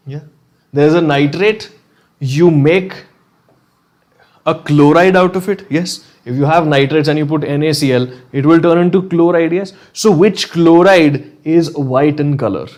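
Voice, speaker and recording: A man's voice: fairly high pitch, darkish tone. A man with a North Indian accent teaching a live online class conversationally, often checking in with short questions and slipping Hindi phrases into his English.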